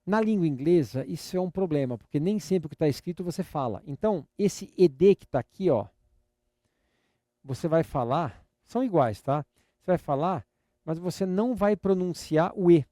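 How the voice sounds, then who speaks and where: A man's voice: fairly high pitch, expressive, moderate pace, warm tone, dry recording, studio quality. An older man with a Brazilian Portuguese accent teaching a live online lesson. He drills words patiently through repetition and adds some playful teasing. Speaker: English teacher.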